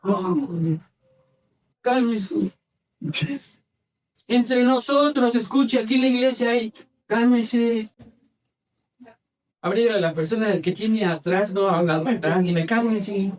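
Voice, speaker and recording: Emphatic pastor preaching in church. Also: male voice, high-pitched, recorded from a distance. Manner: asks the congregation questions and has them repeat phrases; emphatic, shifts from brisk to slow and soft. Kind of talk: sermon.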